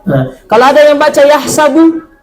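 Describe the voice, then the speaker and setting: A man teaching an Arabic grammar lesson, drilling verb patterns and answering his own questions, drawing out each Arabic word slowly. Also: very high-pitched, big pitch swings, a little mellow, poor audio. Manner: slow, drawn-out reading of Arabic words. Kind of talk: classroom lesson.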